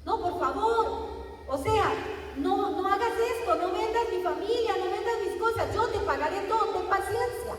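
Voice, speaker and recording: A woman's voice: extremely high pitch, moderate pace, voice pushed up. A woman preacher voicing a desperate indebted male servant who begs his master for mercy, with a pleading, repetitive delivery. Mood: begging. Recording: echoey hall, distant mic.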